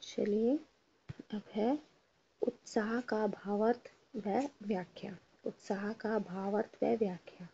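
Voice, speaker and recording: A woman's voice: medium pitch, fairly even intonation, slow pace, gravelly, background noise. A woman teaching a Hindi lesson, patiently spelling out words syllable by syllable and having students repeat after her. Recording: dull lo-fi recording.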